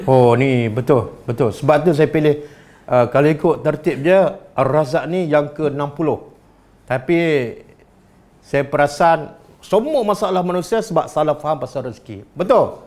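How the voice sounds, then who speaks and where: A man with a Malaysian Malay accent preaching a religious lecture, firing rhetorical questions at his listeners in an animated way. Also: fairly high pitch, moderate pace.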